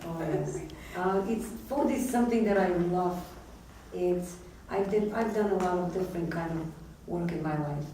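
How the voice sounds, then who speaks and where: Mellow, low-pitched woman in an echoey room. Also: moderate pace. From born in Azerbaijan, grew up in Israel and the United States. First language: Russian. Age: 40s. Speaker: guest, restaurant owner. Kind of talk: casual interview chat. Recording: distant mic in echoey room, faint noise.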